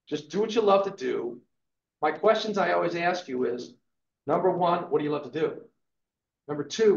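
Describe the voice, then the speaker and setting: A man in his fifties giving an emphatic, motivational real estate lecture to a live class, punctuating points with "okay". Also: high-pitched. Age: 50s. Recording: echoey room, dull lo-fi sound.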